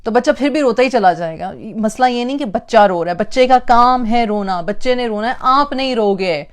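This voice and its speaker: A woman's voice: on the high side, lively intonation, normal speed. A woman giving an emphatic parenting talk, repeating phrases for stress and mixing in English words. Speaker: parenting speaker. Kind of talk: lecture on parenting.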